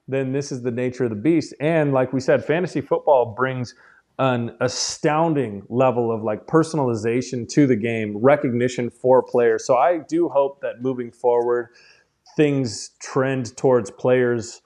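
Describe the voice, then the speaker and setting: A man's voice: medium pitch, a little mellow. A man in his thirties, a former pro football player, chatting casually as an interview guest, easygoing and restarting his phrases.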